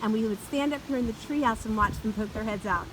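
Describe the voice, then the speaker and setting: A woman hosting a storytime show for young children, talking to them in an overbright, animated kids' host manner outdoors. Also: fairly high pitch, fast. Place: outdoors in a yard and treehouse. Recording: outdoor ambient noise, windy day.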